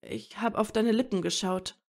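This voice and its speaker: Eager young man, woman reader, breathy, soft, pleading. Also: medium pitch, normal speed, natural voice.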